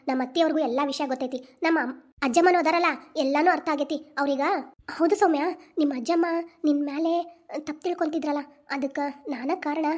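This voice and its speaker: A woman's voice: high voice, a little mellow, close to an everyday voice. A woman voicing heartfelt North Karnataka village women. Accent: North Karnataka Kannada. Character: village women of a family, emotional aunt and niece. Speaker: main voice actor of a cartoon channel. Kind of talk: cartoon family drama dubbing.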